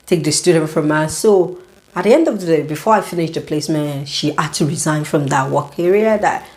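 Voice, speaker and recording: A young woman, a student nurse, telling a story in a casual vlog, animated and indignant, with lots of "you know". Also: low-pitched, a little fast. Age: young adult.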